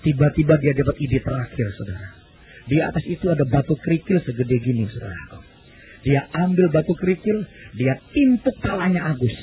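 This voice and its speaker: Male pastor telling a story from the pulpit, high voice, swings up and down, thin phone-like sound. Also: sing-song, fairly quick, background noise. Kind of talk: sermon storytelling.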